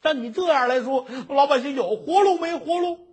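A man's voice: fairly high pitch, sing-song, takes it slowly, a bit bright, exaggerated voice. Man playing a pleading wronged merchant. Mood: desperate. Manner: pleading, tearful. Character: rich male herb merchant, wronged and pleading.

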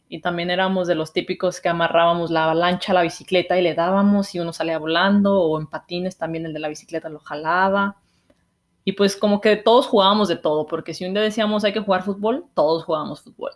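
A young adult woman with a Mexican accent, hosting a podcast in informal, slangy, casual chat. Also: lowish voice. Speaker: podcast host.

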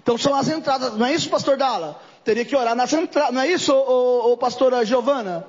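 High-voiced Brazilian man preaching passionately. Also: quick pace, slightly rough, in a large hall, muffled recording. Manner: impassioned, questions the congregation directly. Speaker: apostle preaching. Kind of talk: sermon. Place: church service.

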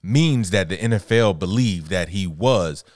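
A man co-hosting a casual podcast, talking sports in an animated way. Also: sits low, a little slow, no room sound, clean studio sound. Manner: animated, mimics voices when quoting others. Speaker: podcast co-host.

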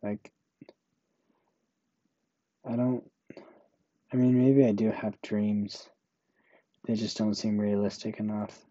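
A young man hosting a solo podcast, thinking aloud slowly in a monotone way. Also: lowish voice, no room sound, dull audio. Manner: slow, monotone, musing. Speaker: podcast host.

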